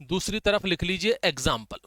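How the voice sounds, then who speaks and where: A man teaching a biology class in Hindi mixed with English, dictating notes and slowly repeating the key terms, with chatty asides. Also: high-pitched, animated, sharp tone, no room sound.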